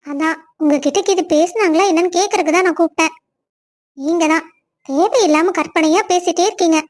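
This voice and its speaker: A woman with a high, clear voice plays the women of a family cartoon story. She moves from a wife on the phone to a mother and a neighbour without much change in her voice. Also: brisk.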